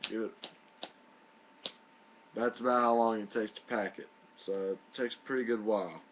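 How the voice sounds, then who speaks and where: A man's voice: lowish voice, steady tone, moderate pace, slight background noise. A man giving a casual, folksy and mildly profane review in a home video. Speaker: product reviewer. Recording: muffled lo-fi home video audio.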